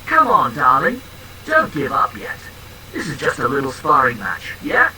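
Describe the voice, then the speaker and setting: A man's voice: medium pitch, huge pitch swings, normal speed, sharp tone, slight background noise, heavily acted, poor audio. Synthetic male voice as a smug flirty sparring man. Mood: smug teasing. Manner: teasing, calls the listener love and darling. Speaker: AI chat character. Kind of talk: text-to-speech role-play narration.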